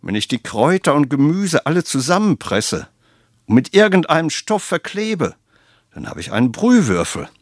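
A man voicing a flustered, inventive father who cooks soup, his voice jumping high and shrill when worked up, in a storytelling reading with acted voices. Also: very animated, moderate pace, no room sound, clean studio sound. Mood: eager.

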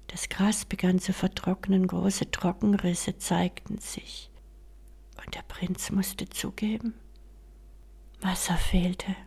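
A woman whispering a fairy tale as a soft, unhurried bedtime story. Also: on the low side, level tone, vocal fry, husky.

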